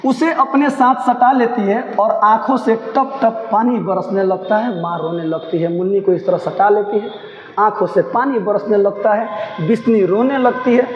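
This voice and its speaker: A man's voice: high-pitched, steady tone, moderate pace, highs cut off, a little hiss or hum. Male Hindi teacher, explaining and repeating lines. Echoey hall-like room. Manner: explanatory, repeats lines and asks listeners to pay attention. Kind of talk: line-by-line lesson explaining a play.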